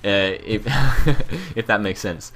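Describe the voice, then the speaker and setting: A young man with a London accent rambles through casual gameplay commentary, tripping over repeated words and dropping the odd curse. His voice sits a little low but comes across bright and forceful. There is a faint noise behind him. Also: lively intonation, takes it slowly. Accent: London English.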